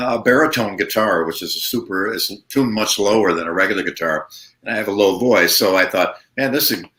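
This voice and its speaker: Over a video call, a male musician guest tells stories in a casual interview, relaxed and full of fillers. His voice is mid-range and the sound is roomy.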